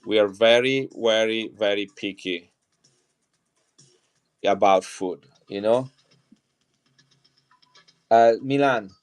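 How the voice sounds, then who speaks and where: His voice is lowish and smooth, slow, with long pauses. He's a middle-aged man from Italy with an Italian accent who sells coins on a live stream, chatting enthusiastically with viewers as he shows them.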